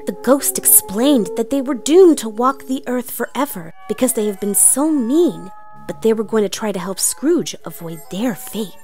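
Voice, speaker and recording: Pitched lower than her natural voice yet close to how she'd normally talk, this woman sounds on the high side, animated and dark-toned at an ordinary speed, with faint music underneath. Her role is the same dramatic, earnest storybook read-along narrator: a theatrical comic author-narrator persona played female.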